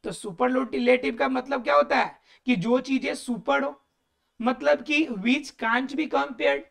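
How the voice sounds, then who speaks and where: High, gravelly-voiced woman teaching. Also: takes it slowly. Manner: asks and answers her own questions, repeats key words. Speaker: English grammar teacher. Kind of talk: explanatory lesson.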